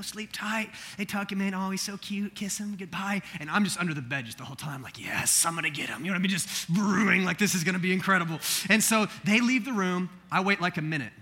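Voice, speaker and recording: A young man preaches to a youth group in a loose, conversational way, weaving a personal story into the message. His voice sits high and rings very bright. He keeps checking in with the audience as he goes. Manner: conversational, animated storytelling to a room, asks the audience questions. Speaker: youth pastor.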